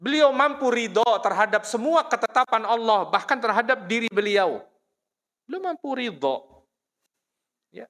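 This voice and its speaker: A man's voice: very high voice, animated, moderate pace, pauses often, pushed and bright. A man from Indonesia giving a storytelling lecture in a mosque, often checking in with his listeners with "ya" and "Pak". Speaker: preacher.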